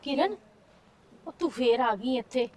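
Woman doing a sweet caring sister-in-law, high soft voice, comforting. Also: lively intonation, unhurried. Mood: consoling. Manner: gentle, consoling. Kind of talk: family drama acting.

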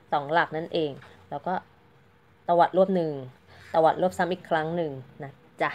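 A woman's voice: lowish voice, darkish tone. A woman giving a casual, chatty crochet tutorial, counting stitches aloud and explaining each step politely. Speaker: crochet teacher.

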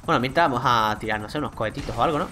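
A young man with a Spain Spanish accent giving chatty, excitable let's play commentary to his viewers, swearing casually as he plays. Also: mid-range voice, rapid-fire, slight background noise. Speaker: gaming YouTuber.

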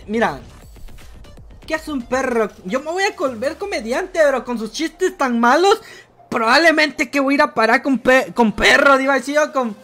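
Streamer host: Guatemalan woman, high pitched, playful teasing chat reader, soft music under her. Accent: Guatemalan Spanish. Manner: playful, teasing, keeps saying "bro". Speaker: livestream host. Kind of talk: casual livestream chat reading viewer jokes.

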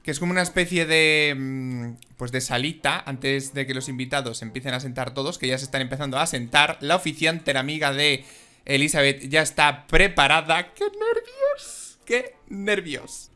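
A man giving casual, excitable and emotional commentary on a life-simulation game. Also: mid-range voice, a little fast, clear, resonant tone. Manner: excitable and emotional, exclaims and giggles. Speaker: gaming video host.

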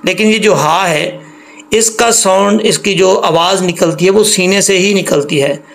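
Stretching syllables to demonstrate pronunciation, a male teacher leads an online recitation lesson, explaining with patience and going over points again. He speaks unhurriedly in a high-pitched, gravelly voice with a fairly bright tone.

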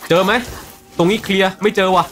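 Fast and steady-toned with a voice that sits high, a man streams a video game and gives live commentary, translating the characters' dialogue aloud as voice-over and chatting about it between lines.

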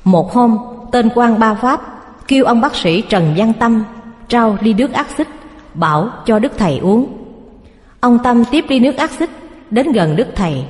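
A woman narrating a religious story in a steady, reverent storytelling manner. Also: on the high side, a little slow. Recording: long reverb, hall-like.

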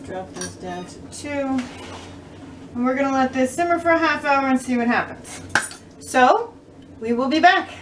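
A woman's voice: high-pitched, expressive, normal speed, long pauses, noisy background. A middle-aged woman hosting a home cooking show, chatting through each step as she cooks in her kitchen. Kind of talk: casual cooking demonstration. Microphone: camera a few feet away. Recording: distant camera mic with kitchen clatter.

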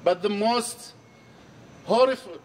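A man's voice: high-pitched, distant mic, a little hiss or hum. Earnest middle-aged man addressing an outdoor rally. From Syria. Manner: earnest, measured, repeats key phrases for emphasis. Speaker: archbishop speaking at a rally. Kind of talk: public speech at a protest. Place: outdoor square under trees. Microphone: handheld mic on a stand.

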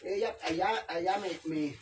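A man's voice: high voice, unhurried, slight background noise. Campy, playful Mexican man cooking. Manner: campy, playful, calls viewers sisters, laughs often. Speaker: vlogger cooking on camera. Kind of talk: casual live cooking chat.

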